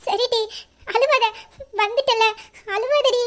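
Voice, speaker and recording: A woman as a gentle, loving older sister. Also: extremely high pitch, fast talker. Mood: tender. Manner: soft, soothing and affectionate.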